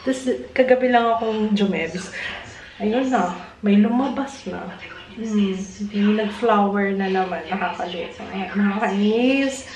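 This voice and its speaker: A woman's voice: medium pitch, unhurried, darkish tone, poor audio. A woman vlogger talking candidly to her viewers at home in a casual, confiding way. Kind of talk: casual chat to camera.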